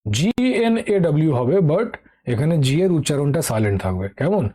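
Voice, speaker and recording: A man's voice: fairly high pitch, big pitch swings, brisk, warm tone. A middle-aged man teaching English vocabulary for exam prep in an online lesson, speaking with a Bengali accent. He is patient and repeats key words, often checking with "ঠিক আছে?".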